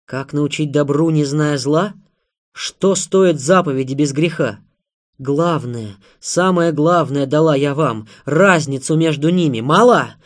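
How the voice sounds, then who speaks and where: A man's voice: mid-range voice, measured pace, close to an everyday voice. A man voicing a fanatical preaching woman. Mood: fervent preaching. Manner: intense, preaching, rising to loud declarations. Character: fanatical woman claiming to embody good and evil.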